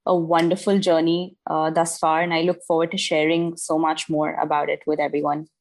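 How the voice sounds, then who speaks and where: A woman's voice: deep voice, flat delivery, fairly quick. A young woman from Dubai, a guest artist, talking enthusiastically with many ums and restarts. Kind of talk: casual interview chat.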